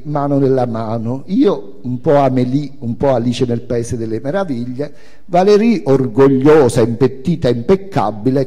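On stage in a reverberant hall, an older man gives a theatrical reading of his own memoir as author and performer. His mellow, mid-pitched voice swings widely and expressively, and he shapes every phrase with deliberate pauses and emphasis.

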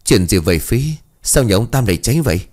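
A man doing an alarmed village man, quick and scolding, slightly raised voice, part of a narrated ghost tale. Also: on the low side, very animated, darkish tone. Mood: shocked scolding. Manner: shocked, scolding.

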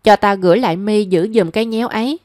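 Lady doing a cheeky loud girlfriend, teasing, dry close sound. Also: mid-range voice, quick pace, dry recording, close to an everyday voice. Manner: teasing, brash. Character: cheeky, loud young woman friend.

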